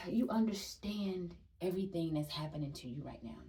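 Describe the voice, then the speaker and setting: A woman's voice: fairly low pitch, expressive, moderate pace, a little mellow, far from the mic. A young woman gives a casual spiritual energy reading, chatty and emphatic, repeating phrases, swearing and laughing often.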